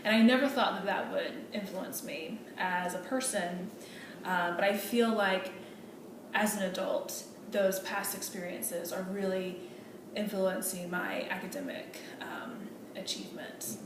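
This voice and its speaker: A woman's voice: medium pitch, steady tone, measured pace, lightly acted. A woman playing an earnest female medical student in a role-play meeting, speaking politely and hesitantly with many fillers and restarts. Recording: echoey room, distant mic, noisy.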